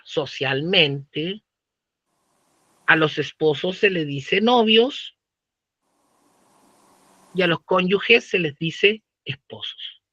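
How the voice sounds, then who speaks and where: A man's voice: fairly high pitch, gravelly, bright, forceful tone, husky, dry recording, muffled recording. A man with a Chilean accent teaching law, talking casually with slang and asking the class questions. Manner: conversational, uses slang and rhetorical questions. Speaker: law professor. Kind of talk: lecture.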